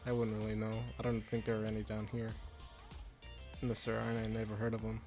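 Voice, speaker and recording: A man's voice: lowish voice, monotone, fast, a little mellow. A man doing casual game stream commentary, rambling and thinking aloud as he plays. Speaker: streamer playing a video game. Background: game music.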